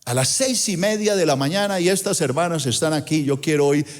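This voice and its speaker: High-voiced pastor preaching in a hall. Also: male voice, fairly quick. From Colombia. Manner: acts out disciples' complaints in dialogue, rising and falling emphasis. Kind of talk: sermon. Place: large church auditorium. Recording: long hall reverb.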